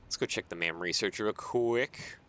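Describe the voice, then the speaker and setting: A man with a fairly low voice talks at a normal pace while streaming a game, thinking aloud as he builds and chuckling often in a relaxed ramble. He sounds tired and yawns. Soft music plays behind this casual gameplay commentary.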